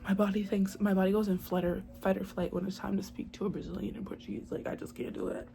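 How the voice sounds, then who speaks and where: A young American woman vlogs to camera in a chatty way full of "like" and "girl," at times dropping into a whisper, though her delivery is flat and fast. Her medium-pitched voice has vocal fry and a dark tone. She records with a built-in device mic in a noisy spot where faint outdoor sound is audible.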